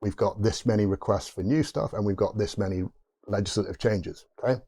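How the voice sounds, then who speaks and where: A man's voice: on the low side, fairly even intonation, brisk, warm tone, breathy edge. A man with a Geordie accent hosting a tech video, explaining ideas off the cuff with restarts and rhetorical asides. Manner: rambling, restarts mid-thought, rhetorical asides. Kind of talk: unscripted explainer to camera.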